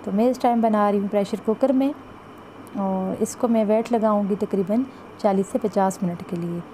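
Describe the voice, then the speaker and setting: Her voice is mid-range and mellow at a normal speed, though the rough recording carries a little hiss or hum. A cooking vlogger from Pakistan, she talks through each step of a recipe in her home kitchen, showing the pot and often saying "jo hai" and "ye dekhein."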